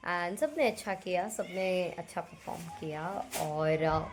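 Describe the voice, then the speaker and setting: Speaking slowly in a lowish voice, a young woman in college films a casual family vlog at home on her phone. She's chatty and teasing, with animated storytelling, and a little hiss or hum sits in the recording.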